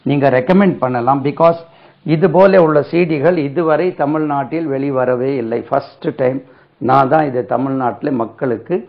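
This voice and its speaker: A man with a Tamil accent teaching spoken English in a classroom lesson, spelling words letter by letter and repeating them slowly. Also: mid-range voice, vocal fry. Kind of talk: classroom lesson explaining pronunciation. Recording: dull lo-fi lesson recording.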